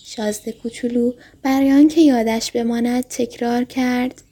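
High, husky woman narrating a story. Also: steady tone, dark tone. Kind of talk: storybook reading.

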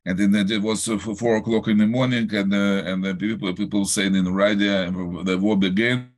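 Older rabbi, Russian accent, low-pitched and hesitant, restarts often while answering an interviewer. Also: male voice, level tone. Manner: halting, searching for words, many restarts.

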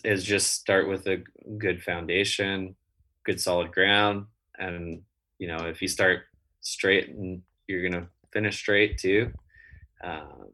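A male guest with a deep, bright-toned voice in a casual interview. He speaks in stop-start phrases, restarting and trailing off as he thinks aloud. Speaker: guest, builder and rental owner.

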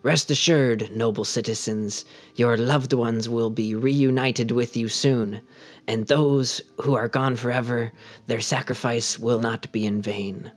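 A man playing in a tabletop game, reading a newspaper article aloud in a measured, deliberate way. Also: mid-range voice, fairly even intonation. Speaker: player.

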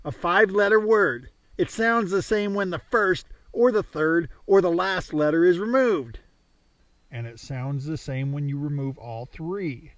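A cocky, muscular thug in an audiobook drama, as a man puts him on, pitched higher and louder than the reader's own voice. He sounds smug and teasing. The recording is dry and close. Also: unhurried, no room sound, highs cut off.

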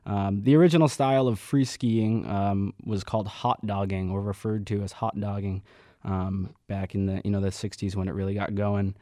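A man's voice: lowish voice, steady tone, moderate pace, mellow, dry recording. A young man working as a radio intern, sharing trivia in a loose, hesitant way from the studio. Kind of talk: casual radio chat.

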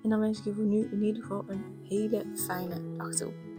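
A woman's voice: mid-range voice, completely flat delivery, fast, over loud music. A pregnant young woman, hosting a casual solo podcast, rambling with many fillers and restarts. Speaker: podcast host.

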